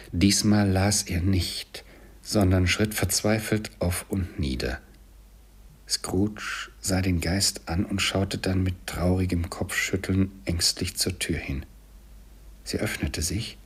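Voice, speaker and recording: A man narrating an audiobook in a soft storytelling manner with whispered passages. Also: fairly low pitch, husky.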